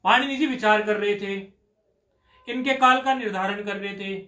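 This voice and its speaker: High-pitched male teacher lecturing, chants rules slowly, coaxes students; echoey classroom. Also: sharp tone. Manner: drawn-out chanting of sutras, coaxing questions to students. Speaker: Sanskrit grammar teacher. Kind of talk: classroom lecture explaining a grammar rule. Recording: echoey room.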